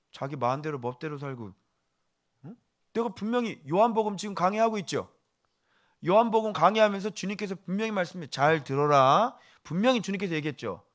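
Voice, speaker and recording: Korean-style pastor guy preaching, high voice, swings all over, keeps firing questions, goes quiet for asides. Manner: animated, exclaiming and questioning the congregation. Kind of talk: sermon.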